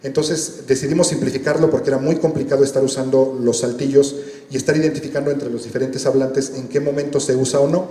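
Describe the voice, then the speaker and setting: A man's voice: mid-range voice, steady tone, fast, dark tone. Man explaining in a roomy hall. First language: Totonac. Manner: explains carefully with many fillers. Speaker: university team member presenting software. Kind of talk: explanatory presentation. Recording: roomy recording with long reverb.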